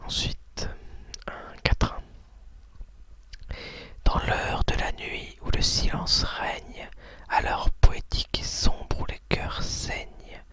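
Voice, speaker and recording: Unhurried and hesitant, a woman whispers in a breathy, soft ASMR manner while hosting talk and poetry readings.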